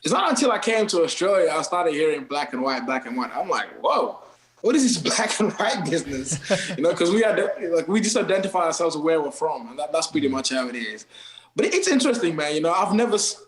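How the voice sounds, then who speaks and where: A man's voice: a little high, sing-song, a little fast, echoey room, low-quality recording. A man from Kenya, a guest on a podcast, talking loosely in slang and calling everyone bro and man. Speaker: podcast guest, TikTok creator. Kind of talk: casual podcast chat.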